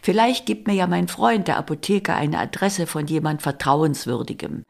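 A woman voicing a troubled married man who speaks in hushed, halting lines. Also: sits low, lively intonation, creaky, exaggerated voice.

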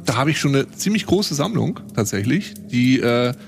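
A man voicing a cheerful but cruel young nobleman who speaks haltingly. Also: medium pitch, sing-song, vocal fry, soft background music. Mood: boastful. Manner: halting, hesitant, many restarts.

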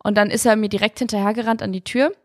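A young woman in her twenties recounts events in a relaxed, chatty manner, leaning on frequent hesitant fillers as she goes. Her voice sits at an ordinary middle pitch. The room sound is very dry and close, with no reverb around her. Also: racing. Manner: chatty, filler-heavy retelling with many hesitant "ähm"s. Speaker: guest athlete. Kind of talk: casual storytelling chat. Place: her family home, indoors.

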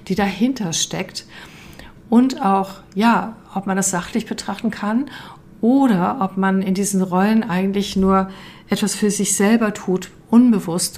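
A woman speaks in an even, mid-range voice, explaining a coaching topic. She talks earnestly and directly to her listeners, pausing now and then on small hesitations. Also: medium pitch. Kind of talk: explanatory talk to camera.

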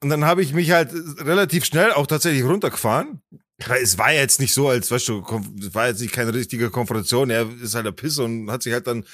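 A man's voice: mid-range voice, a little fast, dry recording, clean studio sound. A man telling a story on a casual podcast, acting out the people in it with big jumps in his voice. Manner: animated, acts out quotes with big voice jumps. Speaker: podcast host.

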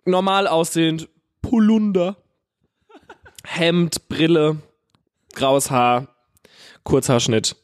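Palatinate german guy, kinda high voice, rambling slangy story. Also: normal speed. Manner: animated, slangy, full of fillers. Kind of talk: casual storytelling chat.

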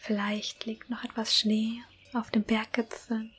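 A woman leads a guided meditation in an unhurried whisper. Her voice sits a little high but stays very flat and even. It is airy and breathy throughout, with long pauses. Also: faint music behind. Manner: soft whisper, slow and calm.

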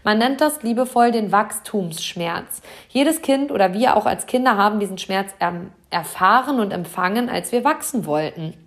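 Woman, life coach, motivational podcast talk, earnest and encouraging, mid pitch. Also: expressive, moderate pace, few pauses. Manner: earnest, encouraging, addresses the listener directly. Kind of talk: motivational self-help talk.

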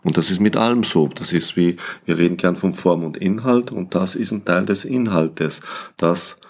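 A man with a very low, deep voice talks reflectively on a podcast. He repeats words as he works out his thoughts. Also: normal speed, a little mellow. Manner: reflective, repeats words while searching for phrasing. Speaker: podcast co-host. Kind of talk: conversational podcast discussion.

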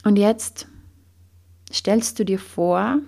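Woman coach, slow guided exercise, gravelly tone. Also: medium pitch. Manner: slow, calm guiding questions.

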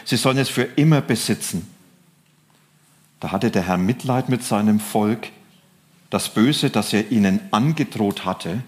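A man preaching a sermon. He reads scripture passages aloud and stresses key phrases by raising his pitch and slowing down.

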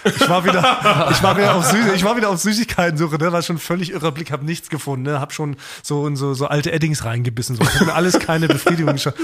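A man's voice: on the high side, quick pace, hardly any pauses, a bit bright. A man co-hosting a podcast, telling a confessional story about himself with frequent laughs. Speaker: podcast co-host. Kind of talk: casual podcast chat.

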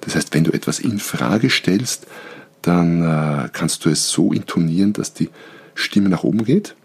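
A man hosting an instructional podcast, explaining persuasion and switching between higher, faster talk and lower, slower talk to demonstrate. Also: a little mellow. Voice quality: very deep, gravelly voice. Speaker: podcast host and business coach.

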